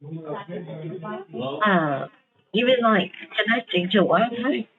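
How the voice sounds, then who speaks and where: A woman talking through a voice changer while posing as a scam target, with slow, halting, vague answers over a deliberately muffled phone line. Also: medium pitch, expressive, voice pushed up. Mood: playing dumb. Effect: voice changer, muffled on purpose. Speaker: scambaiter.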